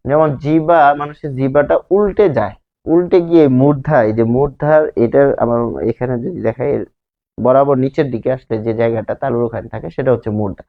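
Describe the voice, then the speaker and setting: Speaking at medium pitch and a slightly quick pace, a Bangladeshi man teaches grammar. He poses questions and answers them himself, stretching sounds out as demonstrations, and the audio is somewhat dull and lo-fi.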